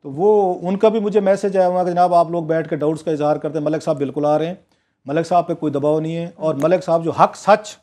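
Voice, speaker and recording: A man's voice: on the high side, steady tone, fast talker, darkish tone. A man, giving emphatic, story-driven commentary as a political analyst on a talk show.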